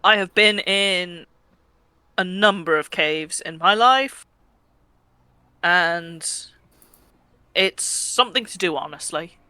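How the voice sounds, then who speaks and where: A woman playing a tabletop role-playing game, speaking casually in a measured, playful way. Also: fairly low pitch, bright, forceful tone, clear, resonant tone, dry recording. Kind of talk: casual in-character play and table chat.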